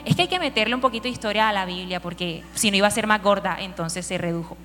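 Woman preacher, animated storyteller who questions the audience, echoing hall. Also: medium pitch, fast. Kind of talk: sermon. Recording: hall reverb with faint music.

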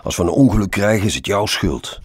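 A man voicing a panicky, fussy middle-aged male office clerk who shouts in a whiny, overwrought way. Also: sits low, animated, a little fast, creaky, slightly rough, no echo, studio quality, exaggerated voice. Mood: impatient.

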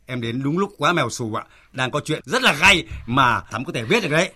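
Animated middle-aged male radio host, bright quick voice, theatrical. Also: mid-range voice, breathy edge. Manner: animated, theatrical, reciting poetry. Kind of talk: radio talk show.

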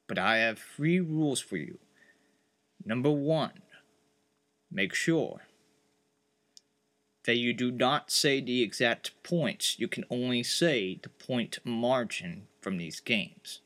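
A man voicing an eccentric male time-travel scientist who patiently lays out rules in a calm, explaining manner. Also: medium pitch, slow, long pauses. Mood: calm, lecturing. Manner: calm, explanatory, earnest rule-giving.

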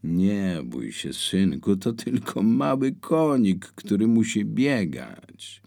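A man reading a calm, soothing mother. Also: on the low side, creaky, full character voice. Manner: calm, slow reassurance. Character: gentle patient mother soothing her son.

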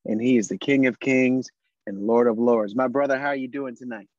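Excitable, laughing podcast host, dry sound. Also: male voice, mid-range voice, brisk, no echo, lo-fi sound. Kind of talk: casual faith podcast chat.

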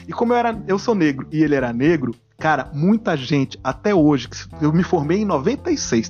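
A man in his forties hosts a comedy podcast, cracking jokes about guests' stories. His voice sits high and swings widely. The audio is dull, with faint music underneath. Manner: jokey, animated, acts out silly voices. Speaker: podcast host. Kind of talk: casual comedic podcast commentary.

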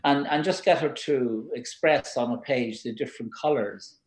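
An older man with an Irish accent giving advice in a thoughtful, halting, conversational way. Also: mid-range voice. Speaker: child psychology expert giving advice. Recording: roomy, echoing sound.

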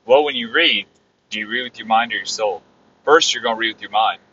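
A man preaching an informal sermon on his own podcast, repeating phrases and rising to loud exclamations. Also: on the low side, brisk, husky, lo-fi sound.

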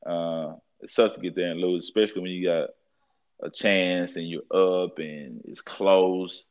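A young man who coaches football talks through the interview in a very deep, easygoing voice and keeps circling back to the same stock phrases. The sound is a little dull, like a lo-fi recording. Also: measured pace. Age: young adult. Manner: relaxed, repeats fillers like "at the end of the day". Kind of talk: casual interview.

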